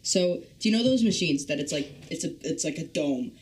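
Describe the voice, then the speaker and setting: Animated young woman. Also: low-pitched, fairly quick. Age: young adult. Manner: animated, joking. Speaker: podcast co-host. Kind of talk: casual chat and storytelling among friends.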